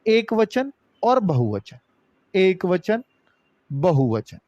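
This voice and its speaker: Calling his students kids, a male teacher walks them through grammar in an online exam-prep lesson, his high voice leaping up and down with emphatic rises and low, drawn-out drops. He's very animated, with a darkish tone. The close mic yields a dry, echo-free but lo-fi sound.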